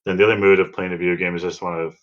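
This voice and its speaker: A podcast co-host talks casually about video games in a low, flat voice, speaking rapid-fire. The sound comes through a dull, lo-fi microphone.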